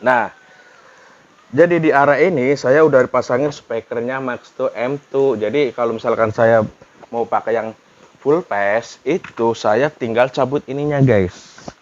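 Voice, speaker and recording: A man with a mid-range voice chats casually to viewers like a vlogger, reviewing motorcycle helmet intercoms and repeating himself. The audio has its highs cut off.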